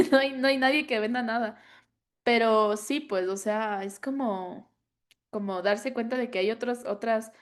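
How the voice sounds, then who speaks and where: A woman, a mother chatting as a podcast guest, telling stories with many fillers and laughs. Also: on the high side. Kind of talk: casual chat.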